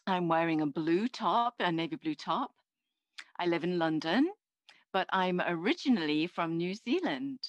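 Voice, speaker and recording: A woman in her fifties working as a live interpreter. She speaks a deaf host's signed words aloud in the first person in a measured, steady way, with small restarts. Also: lowish voice, no echo, highs cut off. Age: 50s. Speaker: sign language interpreter voicing the host. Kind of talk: live spoken interpretation of an introduction. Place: home, seated before a plain screen.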